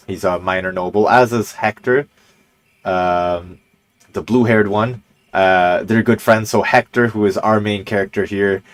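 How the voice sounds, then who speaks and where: A man streaming a game, explaining the story in a relaxed way with lots of fillers. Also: deep voice. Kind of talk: casual game stream commentary.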